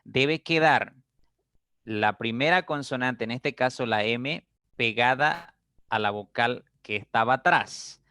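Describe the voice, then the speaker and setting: A man teaches a recorded lesson at a slow, unhurried pace. He explains each step patiently and stretches the example words out syllable by syllable, stopping often to check that his students follow. His voice sits at an ordinary middle pitch and sounds dry and close. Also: sharp tone, no room sound.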